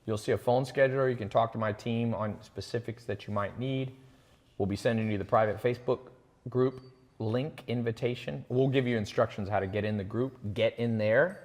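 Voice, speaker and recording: A man's voice: medium pitch, steady tone, moderate pace, darkish tone, long reverb tail. A man hosting a live online sales talk, chatting casually, boasting and reading out viewers' names. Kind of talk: casual live-stream pitch.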